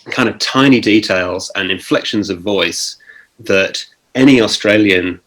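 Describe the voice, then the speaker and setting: A man speaking on an online panel over a video call, thoughtful and halting, with many pauses and restarts. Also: lowish voice, fairly bright tone.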